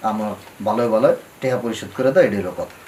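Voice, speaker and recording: A man's voice: fairly low pitch, very fast, darkish tone, slight background noise, close to an everyday voice, poor audio. A man playing a sleazy village moneylender. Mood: demanding. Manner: blunt, demanding, coarse dialect. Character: sleazy male village moneylender, pushy and greedy. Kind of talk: TV drama acting.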